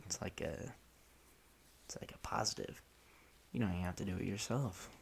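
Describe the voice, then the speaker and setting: A man casually rambling in an offhand, deadpan way while he plays a video game, often restarting his sentences. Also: low-pitched, normal speed, vocal fry, breathy edge, whispered. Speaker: solo podcaster playing a video game.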